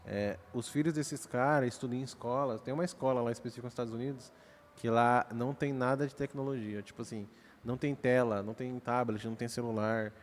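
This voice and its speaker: A man's voice: medium pitch, steady tone, fast, a little hiss or hum. A man with a Brazilian accent, a pastor hosting a casual podcast conversation at his church, chatty and full of slangy jokes. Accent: Brazilian Portuguese. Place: church studio, recorded at night.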